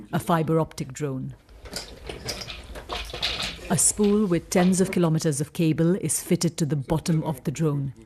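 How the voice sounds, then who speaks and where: A woman war correspondent with a low-pitched voice delivers a frontline news report. Her narration is grave and measured, with some faint noise around it. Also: warm tone.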